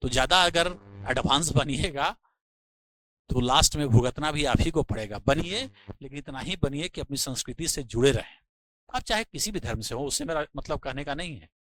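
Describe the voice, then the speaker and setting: Middle-aged male teacher, earnest and preachy, bright forceful tone, dry close sound. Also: mid-range voice, expressive, dry recording, rough recording. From India. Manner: earnest, preachy, slows to stress points. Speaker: physics teacher. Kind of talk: motivational talk to students.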